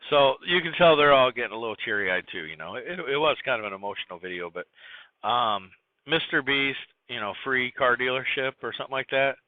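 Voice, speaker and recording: Alone on his casual podcast, this male host wanders from thought to thought, restarting often and leaning on fillers. His mid-range voice moves briskly, and the dry, tinny recording sounds phone-like, without echo.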